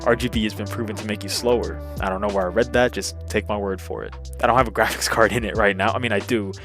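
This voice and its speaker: A man in his twenties, a YouTuber, rambles casually and hesitantly into an old webcam with a self-deprecating air. His voice sits fairly low with fairly even intonation, and he talks fast over music.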